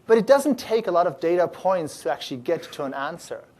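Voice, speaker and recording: A man who founded a startup accelerator giving a conference talk to an audience, talking loosely with many fillers and restarts in an upbeat, animated way. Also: fairly high pitch, fairly quick.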